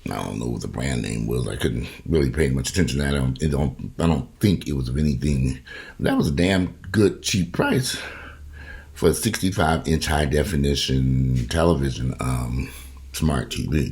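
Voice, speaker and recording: Very deep-voiced man telling rambling stories. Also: normal speed, creaky. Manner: rambling, profane, animated retelling with quoted voices. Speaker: vlogger. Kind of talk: casual storytelling monologue.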